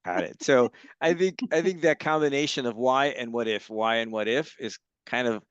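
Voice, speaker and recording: A man from Los Angeles, a guest facilitator, talking enthusiastically in a conversational interview over a video call, telling lively stories. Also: mid-range voice, moderate pace, clean tone, dry recording, lo-fi sound. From Los Angeles, United States.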